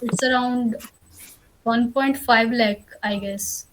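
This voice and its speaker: A woman's voice: on the high side, steady tone, slow pace, background noise. A young woman with a North Indian accent answers as an interview candidate, formal and deferential. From Karnal, Haryana, India. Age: young adult.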